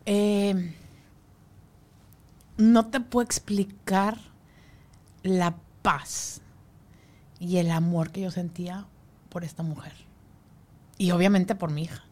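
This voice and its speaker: Woman telling her own story, soft and halting, slips into near-whispers, lowish voice. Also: fairly even intonation. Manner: halting, emotional, drops to near-whisper at tender moments. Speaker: guest sharing her adoption story. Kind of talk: emotional personal storytelling.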